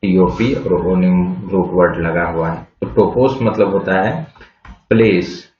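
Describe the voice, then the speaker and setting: A man teaching English vocabulary in a slow classroom explanation, spelling words out letter by letter and asking rhetorical questions before answering them. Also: low voice. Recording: echoey, dull lo-fi room sound.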